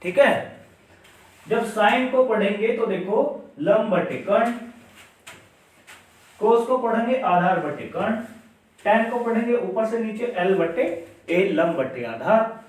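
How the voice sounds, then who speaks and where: A man's voice: high-pitched, takes it slowly, pauses often. A male maths teacher giving a classroom lesson, patiently repeating each step and asking questions aloud. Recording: very echoey room, mic far away.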